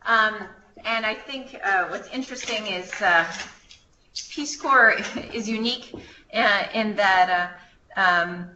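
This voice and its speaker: On a muffled, noisy conference call, a staff member informally responds to questions, explaining tentatively while she thinks aloud. She has a mid-range, sharp-toned voice.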